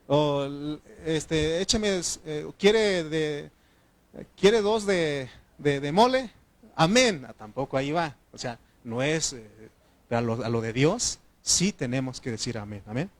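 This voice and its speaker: Man, Mexican Spanish accent, pastor preaching a sermon, fairly high voice, animated, shouts at times, calls for amens. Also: takes it slowly. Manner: addresses the congregation as brothers, asks yes or no.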